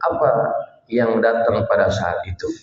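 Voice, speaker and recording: Casting note: male preacher, slow storyteller who speaks directly to the listeners, echoey, slightly dull recording. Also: fairly low pitch, expressive. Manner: addresses congregation directly, dramatic pauses. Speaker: Islamic preacher. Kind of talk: storytelling sermon. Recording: roomy, slightly muffled hall recording.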